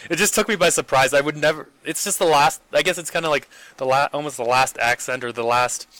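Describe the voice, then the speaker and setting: A man co-hosting a casual podcast, voicing his complaints in a halting, exasperated way full of restarts. His voice sits a little high and sounds dry and close to the mic. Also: sharp tone, dry recording, low-quality recording. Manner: exasperated, halting, repeats himself. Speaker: podcast co-host. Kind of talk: casual chat.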